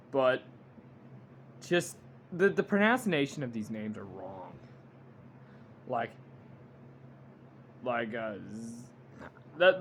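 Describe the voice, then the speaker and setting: Slow, halting man ranting about movies. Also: medium pitch, creaky, fairly bright tone, slight background noise. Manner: halting, restarts often, blunt and dismissive. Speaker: movie reviewer. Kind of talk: unscripted rant.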